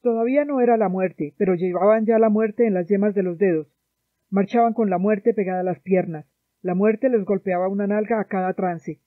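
A woman from Colombia reading a novel aloud in a measured, sombre narration, heard through a dry, tinny phone-like sound. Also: medium pitch, dry recording. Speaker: audiobook reader. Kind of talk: literary narration.

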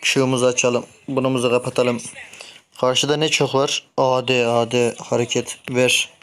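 A man giving casual, excitable commentary as he plays a mobile game, grumbling and cursing at his teammates. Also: medium pitch, measured pace, slight background noise. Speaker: gameplay streamer.

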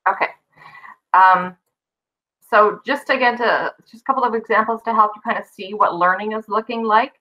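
A woman's voice: medium pitch, muffled recording. A middle-aged woman presenting examples at a remote school board meeting over a video call, conversational with fillers and self-corrections. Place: indoor room on a video call.

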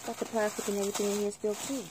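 A woman's voice: mid-range voice, flat delivery, racing, very noisy. A middle-aged woman, delivering an angry, profane rant to camera and repeating herself for emphasis. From New York City. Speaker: vlogger.

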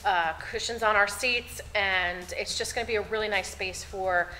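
A woman's voice: mid-range voice, moderate pace, bright, forceful tone, a little hiss or hum, poor audio. A middle-aged woman, a choir teacher, talking enthusiastically on camera in a large classroom. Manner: enthusiastic, gestures broadly while talking. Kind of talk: on-camera school interview. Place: large bright empty classroom.

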